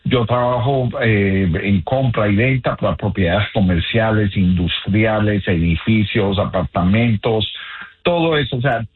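Husky Colombian man on a phone line. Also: lowish voice. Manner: earnest, explains step by step with many fillers. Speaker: real estate agent guest. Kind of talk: radio call-in talk.

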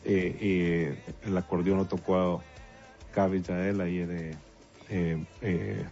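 Deep gravelly man, lo-fi. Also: little pitch movement, slow, mellow. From El Salvador. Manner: hesitant, many fillers and restarts. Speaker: guest songwriter and producer. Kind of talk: casual interview talk. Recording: dull lo-fi with faint music.

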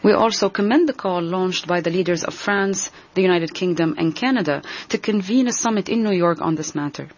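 A woman giving a translation voice-over as an interpreter, rendering a formal speech in a measured, deliberate way. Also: fairly low pitch, lo-fi sound. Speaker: simultaneous interpreter.

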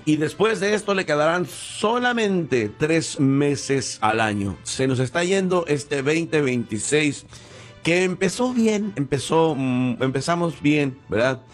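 A man's voice: a little high, lively intonation, unhurried, soft background music. A man hosting a talk show, chatting with a guest and asking friendly questions. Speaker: radio host.

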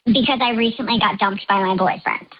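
A woman phones in to a radio show with her voice masked by a voice changer. It comes out fairly high and sounds dull and lo-fi down the phone line. She tells her story in a chatty, slightly nervous way, full of "um" and "like". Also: a little fast, a crowd in the background. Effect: voice changer disguising her voice. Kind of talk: telling a personal story on air.

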